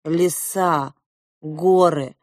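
A woman voicing a spoiled, capricious young prince who is bossy and excitable. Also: low-pitched, very slow, dry recording, studio quality.

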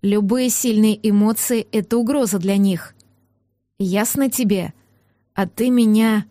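A woman doing a gruff brooding man. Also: medium pitch, steady tone, warm tone, no room sound, clean studio sound, natural voice. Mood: grim. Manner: slow, growling, clipped.

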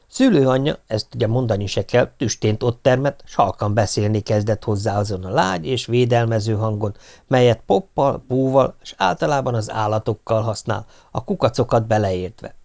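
A man's voice: medium pitch, gravelly, a little mellow. A man reading a humorous first-person audiobook with a wry, dry delivery. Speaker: audiobook reader.

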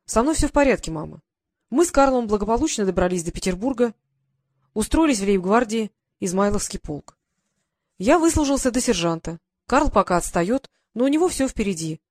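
A woman performs a calm young male guard sergeant in an audiobook, his words to his mother steady and reassuring. Her mid-range delivery is brisk and lightly acted.

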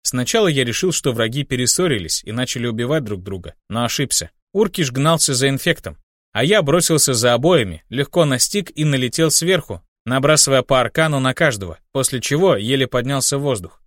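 A man's voice: mid-range voice, lively intonation, fairly quick, a bit bright, no echo, clean studio sound. Man narrating a first-person audiobook.

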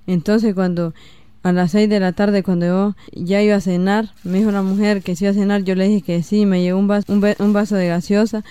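An eighteen-year-old woman from Nicaragua with a Nicaraguan accent, giving a halting personal testimony full of fillers and restarts. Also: mid-range voice, flat delivery, dark tone, clean tone, no room sound. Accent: Nicaraguan Spanish. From Matagalpa, Nicaragua. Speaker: interviewee.

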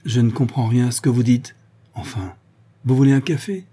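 A man's voice: mid-range voice, normal speed, dark tone, husky, lightly acted. A man voicing an irritable, defensive male head of a private school who speaks in a snappish, indignant way in an audiobook.

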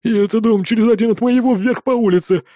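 A man voicing a terrified peasant who pleads hoarsely for his family's lives. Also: sits high, fast talker, mellow, no room sound, studio quality, voice pushed up, close to an everyday voice. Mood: anxious.

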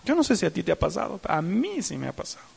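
A man's voice: sits high, fast, creaky, slightly rough, in a large hall. A male preacher giving a dramatic sermon, acting out tearful and joyful prayer. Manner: animated, dramatic, acts out crying and joyful prayer.

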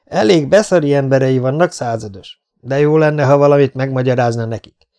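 A man's voice: medium pitch, mellow, clear, resonant tone, pitched above the performer's own voice, lightly acted. A man voicing a tough male commando who answers his besiegers with sarcastic defiance. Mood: defiant. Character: tough, wry male commando under siege.

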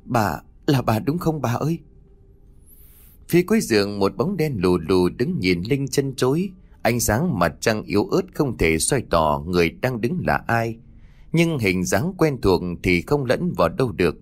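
A man's voice: lowish voice, very animated, normal speed. A man narrating a scripted horror story with dramatic storytelling.

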